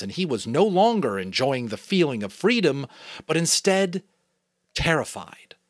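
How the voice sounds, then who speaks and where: An adult father from New England reads an audiobook dramatically, mixing in casual commentary. His mid-range voice, with a New England American accent, is animated and expressive, captured as clean studio sound with no room noise.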